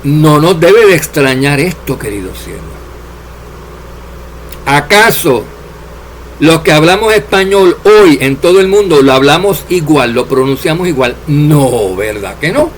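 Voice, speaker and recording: A man preaching a sermon, addressing his listeners directly and letting his voice drop low and soft at the ends of phrases. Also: animated, a little slow, slight background noise. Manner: addresses listeners as dear servants, drops voice at endings.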